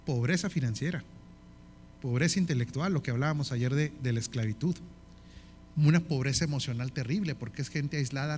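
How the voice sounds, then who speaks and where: A man's voice: medium pitch, a little hiss or hum. A man with a northern Mexican accent teaching a leadership course in sermon style, often checking with the audience and listing in repeated phrases. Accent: northern Mexican Spanish.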